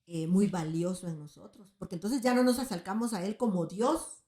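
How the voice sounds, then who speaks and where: A woman's voice: medium pitch, moderate pace, mellow. Earnest woman preaching in an echoey room. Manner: earnest, keeps asking "right?" of her listeners. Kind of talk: sermon-like teaching. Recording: roomy echo.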